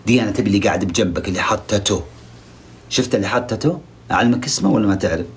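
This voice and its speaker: Sarcastic male commentator. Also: mid-range voice. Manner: sarcastic, mocking, scolding. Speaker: reality show commentator. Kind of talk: comic commentary.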